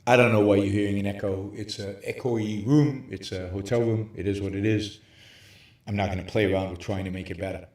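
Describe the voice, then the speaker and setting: A man hosting a livestream, lecturing emphatically from a hotel room with very high ceilings, his voice carrying a hollow cave-like echo. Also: steady tone, brisk, darkish tone. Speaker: show host. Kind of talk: livestream talk on philosophy.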